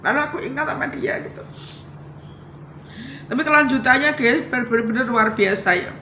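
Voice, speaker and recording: A woman's voice: high-pitched, moderate pace, sharp tone, reverberant, a little hiss or hum. A middle-aged Javanese woman casually telling her life story to viewers, emotional and chatty, often calling out to her audience. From Java, Indonesia. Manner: conversational, repeats "guys" often, emotional retelling.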